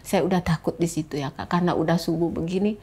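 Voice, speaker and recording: With a warm, fairly low voice, a woman talks fast through an emotional personal testimony during an interview, calling the host "Kak" and performing the voices of those she describes. There's slight background noise.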